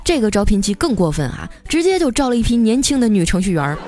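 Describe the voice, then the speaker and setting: A woman's voice: a little high, sing-song. Chatty young woman storyteller. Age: young adult. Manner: chatty, lots of drawn-out sentence particles. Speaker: storyteller host. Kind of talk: comic storytelling. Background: faint background music.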